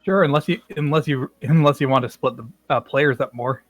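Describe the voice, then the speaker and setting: An easygoing man speaks tentatively as a player in a tabletop game. His voice sits at an ordinary pitch and is recorded dry and close to the mic. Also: brisk, dry recording. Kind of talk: casual tabletop chat.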